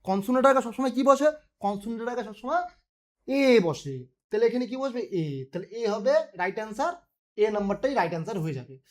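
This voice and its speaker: A woman's voice: fairly high pitch, expressive, brisk, darkish tone. A woman teacher, giving an exam-prep grammar lesson in which she asks and answers her own questions and repeats key words. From West Bengal.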